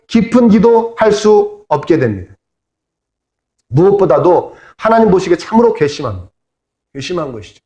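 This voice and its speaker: A man's voice: a little high, darkish tone. A middle-aged man preaching as a pastor, in a conversational sermon with humorous asides. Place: church sanctuary. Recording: echoey church hall.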